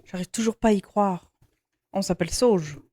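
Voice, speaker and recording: A woman reading a determined young heroine's lines from a video game in her own mellow voice. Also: mid-range voice, normal speed, no echo, lightly acted. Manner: plain reading of game text.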